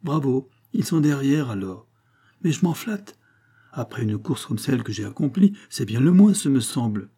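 A man's voice: medium pitch, very animated, normal speed, warm tone, slightly rough. A man reading aloud as a naive young peasant lad who talks in an earnest, pleading way. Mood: eager.

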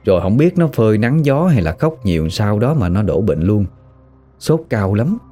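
A man telling a ghost story in a lively, animated way. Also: fairly low pitch, moderate pace, soft background music.

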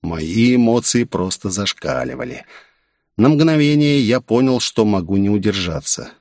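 A man's voice: mid-range voice, animated, moderate pace, vocal fry, darkish tone, no echo, studio quality. A man narrating a first-person audiobook in a cool, sardonic manner.

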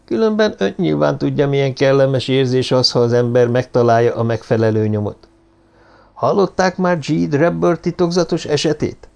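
A man's voice: medium pitch, gravelly, darkish tone, clean tone, close to an everyday voice. A man voicing a boastful, jovial male police inspector in an audiobook reading, telling his story with eager self-satisfaction.

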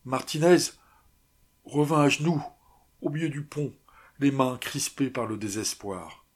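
A man's voice: mid-range voice, animated, measured pace. A man narrating a classic novella as an audiobook, reading dramatically with strong emphasis.

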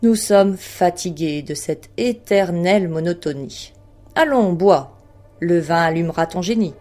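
Lady doing a fat bully king, loud and mocking, deepish voice, faint music underneath. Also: animated, measured pace. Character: cruel, boisterous fat old king.

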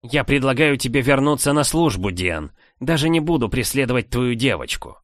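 A man's voice: mid-range voice, lively intonation, moderate pace, dry recording, studio quality, voice pushed up, close to an everyday voice. A man voicing an angry, domineering older king who scolds his nephew in a raised voice. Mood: indignant.

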